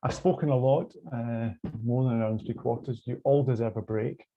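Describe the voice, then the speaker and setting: A man's voice: mid-range voice, steady tone, normal speed. A man with a Scottish accent giving an online lecture on law, hesitant, with many fillers and restarts, heard over a muffled video call.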